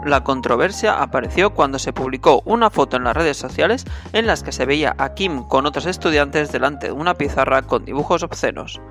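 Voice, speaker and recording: This is a male presenter on a Korean entertainment news channel, talking directly to the audience through a scripted news roundup. He has a somewhat high, slightly bright voice, and music plays under it.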